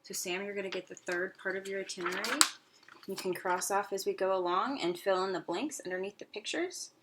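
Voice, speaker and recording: A woman teaching young children speaks briskly at medium pitch during a read-aloud lesson. As an elementary school teacher she is encouraging and instructional, phrasing things simply and asking questions often. The audio is noisy and has clicks.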